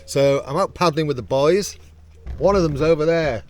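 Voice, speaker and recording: Out on a canal in a kayak, a British vlogger chats casually to camera while testing gear, joking chummily with his friends. His voice is fairly high and his pace normal, and the clear recording picks up outdoor water and boat noise.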